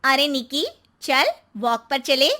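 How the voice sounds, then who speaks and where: A woman's voice: high voice, steady tone, slow, pushed and bright, heavily acted. A woman voicing a meddling, gossipy middle-aged neighbor who likes to stir up quarrels. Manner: nosy, stirring up quarrels.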